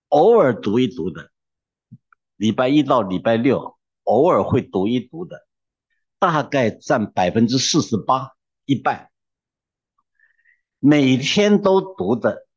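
A man's voice: medium pitch, sing-song, slow, long pauses, breathy edge, highs cut off. A man preaching a sermon, emphatic and exhorting, who drops into humorous storytelling.

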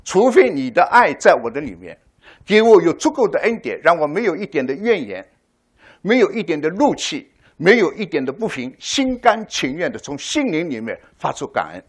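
Animated older man preaching a testimony. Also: a little high, normal speed, slightly rough. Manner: animated storytelling, acting out voices; frequent rhetorical "right?" to the audience. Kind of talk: testimony sermon to a congregation.

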